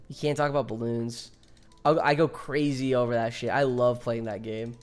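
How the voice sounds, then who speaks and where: A man's voice: medium pitch, level tone, moderate pace, darkish tone, soft background music. A man in his twenties streaming a game, chatting casually and joking with viewers, swearing often. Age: 20s. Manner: laid-back, joking with chat, swears often. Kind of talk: casual live-stream chat.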